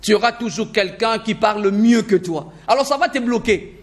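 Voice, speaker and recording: High-voiced male English teacher. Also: normal speed. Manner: energetic, repeats phrases for emphasis, mixes in English. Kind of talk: video lesson.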